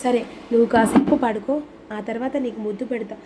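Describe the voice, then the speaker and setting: A woman voicing a gentle young husband who speaks in a soothing, hushed way to keep the peace. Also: on the high side, fairly even intonation, fairly quick, heavy background noise, close to an everyday voice.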